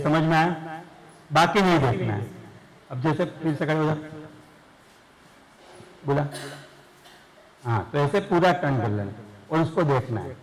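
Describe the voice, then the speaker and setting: A man speaks to a live group of students in a fairly high voice. He is coaxing and patient, checking again and again that everyone has understood. The talk is loose and lively, addressed straight to the room. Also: low-quality recording. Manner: coaxing, explains rules again and again. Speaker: speaker leading students in a game.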